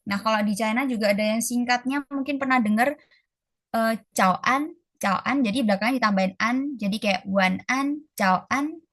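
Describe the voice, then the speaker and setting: A woman tutoring an online class, chatting casually and stretching out model phrases slowly. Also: on the high side, a bit bright, no room sound, studio quality. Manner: slow, drawn-out model pronunciations; casual, chatty teaching, calls students guys. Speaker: Mandarin tutor. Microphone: video call.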